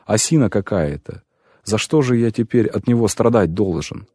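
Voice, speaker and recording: A man's voice: fairly low pitch, moderate pace, mellow, husky, no room sound, clean studio sound. A man voicing a self-pitying grown shoemaker who pleads and laments at length, in an audiobook reading. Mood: pleading.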